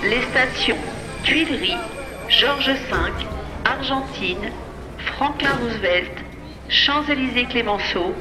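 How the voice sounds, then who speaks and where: A woman making a formal safety announcement over a station loudspeaker, reading a list of station names one by one in a measured, even way. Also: a little high. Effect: public address announcement over a station loudspeaker. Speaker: transit announcer. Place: underground metro station. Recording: echoey loudspeaker in a long reverberant hall, music behind.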